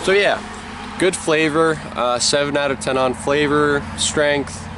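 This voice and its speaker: Outdoors, amid loud nearby voices and traffic noise, a man reviews a product in a relaxed, meandering way while working a wad of chewing tobacco. He speaks unhurriedly, and his pitch runs on the high side.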